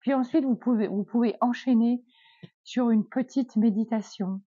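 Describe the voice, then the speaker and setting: A woman giving a gentle, encouraging self-help talk as a wellness coach, with many hesitant fillers. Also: a little high, moderate pace, slightly rough, no echo, highs cut off.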